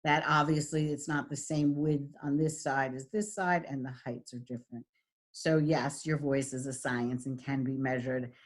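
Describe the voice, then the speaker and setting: A middle-aged woman with a husky, low-sitting voice gives a recorded lecture as a voice and speech teacher. She demonstrates different voice types and uses lots of fillers.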